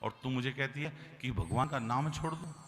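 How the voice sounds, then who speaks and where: A man's voice: medium pitch, normal speed, fairly bright tone. A man telling a devotional story as a sermon, acting out the characters' dialogue and chanting verses. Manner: chants Sanskrit verses melodically. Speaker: kathavachak preacher. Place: large hall, religious gathering. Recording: reverberant hall with music.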